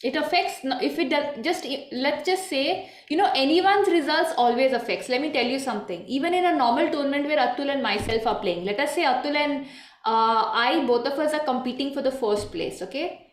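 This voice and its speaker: A chatty young woman in her late twenties with a high, light voice co-hosts a live chess stream. She talks casually and laughs often. Her voice rings a bit in an echoey room. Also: a little fast. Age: 20s. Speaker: chess commentator co-host. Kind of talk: casual chess commentary chat. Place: room at home.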